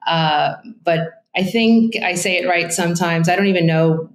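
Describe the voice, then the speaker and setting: Speaking at a moderate pace in a lowish register, a middle-aged woman from Brooklyn, New York talks openly in a relaxed interview. She's a real estate agent with Italian as her first language and a heavy Brooklyn accent, and she peppers her talk with fillers and asides; the room sound is noticeable.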